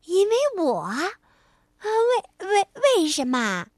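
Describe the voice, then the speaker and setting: A woman's voice: sits high, big pitch swings, measured pace, no room sound, clean studio sound. A woman voicing a cheeky little frog in a children's story, stammering and giggly. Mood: flustered.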